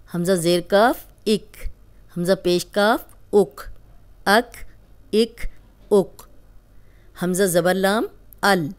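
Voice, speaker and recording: A woman's voice: medium pitch, darkish tone. A woman teaching Quran reading in a patient, step-by-step lesson, with a Pakistani Urdu accent, repeating syllables in drills and quizzing the learner. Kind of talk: slow spoken lesson with drills.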